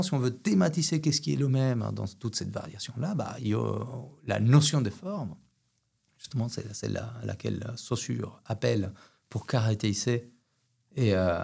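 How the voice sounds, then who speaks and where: A man from Argentina speaks French with a clear Argentine Spanish accent. His voice sits slightly low with a gravelly, fry-tinged texture. He reasons through abstract ideas in a hesitant interview manner, full of fillers and restarts. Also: darkish tone. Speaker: philosophy guest. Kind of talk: academic interview.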